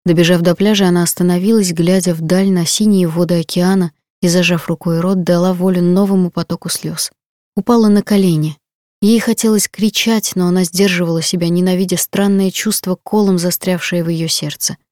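A woman reading a novel aloud in an even, intimate storytelling manner. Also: on the low side, fairly quick, no echo, clean studio sound. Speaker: audiobook narrator. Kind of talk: scripted audiobook narration.

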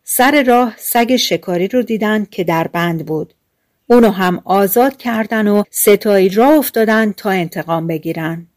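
A woman reading a fairy tale aloud as an audiobook narrator, in a gentle, measured storytelling manner. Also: mid-range voice.

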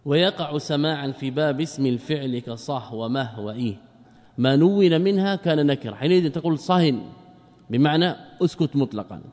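A man's voice: a little high, a little mellow. A man teaching a classical grammar lesson, asking rhetorical questions and answering them himself, repeating key terms. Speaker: Islamic scholar teaching Arabic grammar. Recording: long hall reverb.

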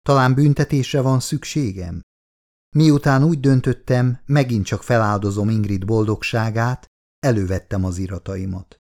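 A man narrating a literary novel in the first person, in a measured, subdued, introspective way. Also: mid-range voice, darkish tone. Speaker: audiobook narrator.

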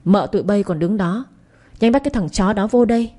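A woman's voice: medium pitch, animated, a little fast, mellow, lightly acted. A woman voicing a hot-tempered young male street thug who snarls curses and threats. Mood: angry threatening.

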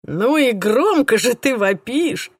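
A woman's voice: on the high side, lively intonation, slow, breathy edge, dry recording, clean studio sound, voice pushed up, heavily acted. A woman doing a cheerful boyish young man, teasing. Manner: light, joking, a little youthful.

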